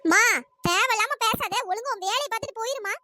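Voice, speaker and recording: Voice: very high-pitched, fast, very noisy. A performer voicing a young daughter who firmly rebukes her mother in a cartoon. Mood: reproachful. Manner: firm, reproachful. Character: firm young daughter, defending her sister-in-law. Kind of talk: cartoon voice acting.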